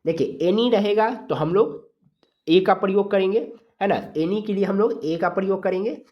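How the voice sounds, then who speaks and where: A teacher from India giving a grammar lesson, explaining rules step by step, sounding letters out slowly and checking in often with the class. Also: medium pitch, muffled recording. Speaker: exam-prep English grammar teacher.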